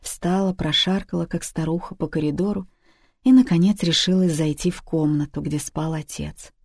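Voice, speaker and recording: A woman narrating a story as an audiobook reading, steady and even. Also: low-pitched, normal speed, dry recording, studio quality.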